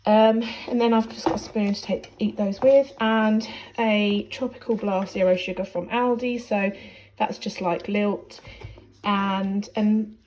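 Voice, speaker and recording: This is a woman filming a casual vlog in her home kitchen. She talks to the camera in a chatty, upbeat way, at a middling pitch, as if she were recording on her phone. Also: fairly even intonation, unhurried, a little mellow, slight background noise. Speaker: vlogger.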